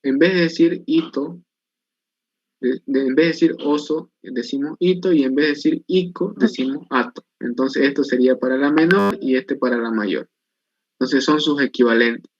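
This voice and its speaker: A man's voice: mid-range voice, normal speed, dry recording. A man teaching a chemistry class online, explaining step by step and asking and answering his own questions. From Bolivia. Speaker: chemistry instructor. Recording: dull, dry lo-fi recording.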